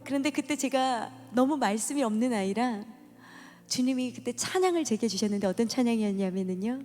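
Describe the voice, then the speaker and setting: Woman, high pitch, emotional church testimony, dramatic storyteller, reverberant hall with soft music under. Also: expressive, fairly quick. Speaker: testimony speaker.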